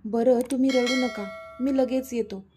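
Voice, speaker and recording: A woman's voice: a little high, fairly even intonation, moderate pace, noisy background, natural voice. Woman voicing an anxious young male caretaker. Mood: worried pleading. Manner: urgent, tearful pleading.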